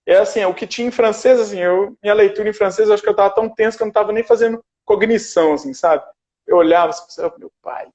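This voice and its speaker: A man's voice: high voice, rapid-fire, lo-fi sound. A man telling a story in casual conversation on a video call, acting out what people said to him. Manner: animated storyteller, acts out dialogue. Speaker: guest. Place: his shared house.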